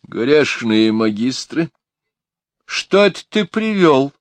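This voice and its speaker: A man voicing an excitable, playful young woman in an audiobook, speaking in bright, excited exclamations. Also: mid-range voice, a little slow, dry recording, voice pushed up, lightly acted. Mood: delighted. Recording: dry close studio sound.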